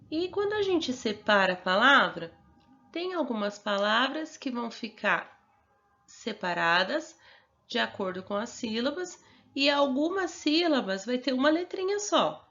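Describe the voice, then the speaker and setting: A woman teacher with a Brazilian Portuguese accent talks young children through a worksheet at a very unhurried pace. Her voice sits fairly high, and she patiently stretches each word into its syllables. The recording sounds dull and muffled. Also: a bit bright.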